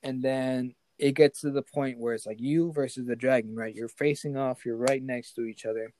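A man's voice: mid-range voice, fairly even intonation, moderate pace, darkish tone, dry recording. Casual male storyteller running a game. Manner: casual, keeps checking in with "right?". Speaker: game master. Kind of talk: improvised tabletop storytelling.

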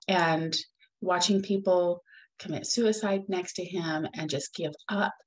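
Upbeat woman podcast host, low voice. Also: poor audio. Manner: earnest, upbeat and encouraging, sometimes emotional. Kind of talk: solo podcast talk.

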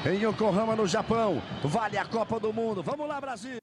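Explosive high-pitched Brazilian man calling football goals. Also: music in the background. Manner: explosive, shouted goal commentary with drawn-out emphatic calls. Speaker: football play-by-play commentator. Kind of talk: live match commentary. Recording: noisy archive stadium sports broadcast. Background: stadium noise.

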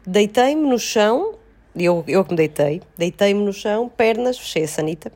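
A woman with a European Portuguese accent, telling her side of a story in casual chat, insistent and expressive. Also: mid-range voice, moderate pace.

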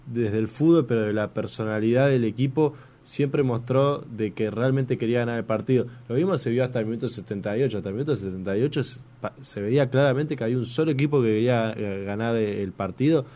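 A man joins the chat with his own analysis of the match. His voice is mid-pitched and he speaks in a measured, analytical way. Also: warm tone. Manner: analytical football commentary. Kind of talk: casual chat.

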